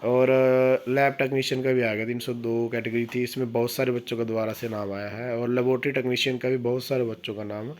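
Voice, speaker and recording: A man hosting an exam news channel, reading official notices aloud slowly and explaining them in a casual way to viewers he calls friends. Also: medium pitch, level tone, a little mellow. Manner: reads English notice text slowly, then explains it in Hindi; addresses viewers as friends, asks for comments.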